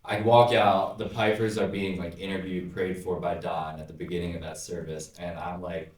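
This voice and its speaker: Low-voiced man telling stories in a roomy space. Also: little pitch movement, moderate pace, darkish tone, distant mic. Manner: storytelling, low-key, quotes others, drops his voice. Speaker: student ministry podcast co-host. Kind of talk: casual chat. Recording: roomy sound, a bit off-mic.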